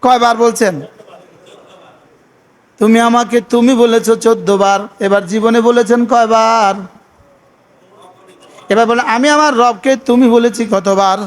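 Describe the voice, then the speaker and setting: A male preacher. He keeps quizzing his listeners with the same question and chants Arabic prayers at a slow, deliberate pace. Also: extremely high pitch, steady tone. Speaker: Islamic preacher. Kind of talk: sermon.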